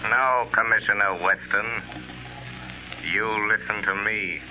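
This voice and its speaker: An actor playing a mysterious, mocking avenger in a theatrical, deliberate 1930s radio style. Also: male voice, on the low side, fairly even intonation. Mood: calm, commanding. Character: mysterious masked male avenger, commanding, menacing, mocking. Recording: muffled 1930s radio drama recording.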